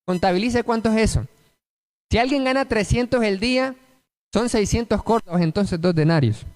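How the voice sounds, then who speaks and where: A man's voice: sits high, moderate pace. A man preaching a sermon, emphatic and asking the congregation rhetorical questions.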